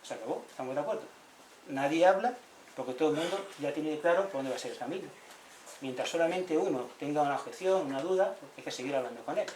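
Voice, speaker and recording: A man delivers a talk in a social centre hall, his somewhat high voice reaching the mic from across the room. The space adds a roomy echo and a faint hum of ambience. He tells anecdotes and jumps into the voices of the people he quotes. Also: fast talker. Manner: lively storyteller acting out quoted villagers. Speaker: speaker giving a talk. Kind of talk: public talk, anecdotal lecture. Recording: echoey room, voice from far off.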